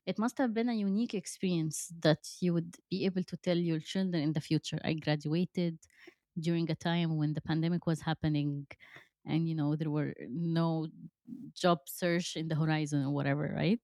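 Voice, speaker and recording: A woman's voice: sits low, steady tone, normal speed, a little mellow, no room sound, clean studio sound. A woman in her thirties hosting an interview, chatty with many fillers and restarts. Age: 30s. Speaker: host. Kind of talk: conversational interview.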